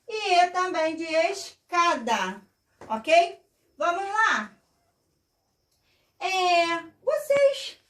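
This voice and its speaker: A woman's voice: sits high, a bit bright. A woman teacher giving a recorded lesson to small children, coaxing and sing-song, drawing out her key words. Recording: echoey room, voice from a distance.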